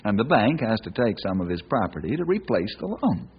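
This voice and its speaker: An actor playing a friendly, helpful ranger hero with a husky voice and hearty, neighborly manner in a radio western. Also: male voice, lowish voice, very animated, fairly quick, heavily acted. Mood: reassuring. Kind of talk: old time radio western acting. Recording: dull old radio recording.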